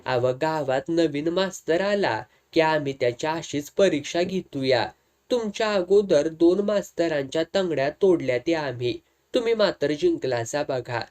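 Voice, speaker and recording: A man's voice: a little high, lively intonation, moderate pace, a little mellow, natural voice. A man voicing a pushy village headman who speaks in a blunt rural dialect in a storybook tale. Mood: triumphant. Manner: brusque rustic village dialect.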